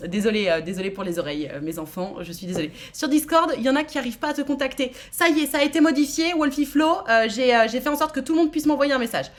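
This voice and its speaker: A woman's voice: high-pitched, fast talker, hardly any pauses. A woman from France hosting a live-streamed speed dating show, chatting casually and playfully with many fillers.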